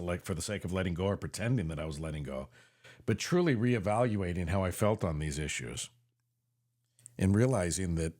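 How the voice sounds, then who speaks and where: A man with a very deep voice speaks earnestly into a studio mic in his home podcast room. His delivery is confessional and reflective, and he slows down on the phrases that matter most to him. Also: a little mellow. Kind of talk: reflective personal monologue. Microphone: studio mic with headphones.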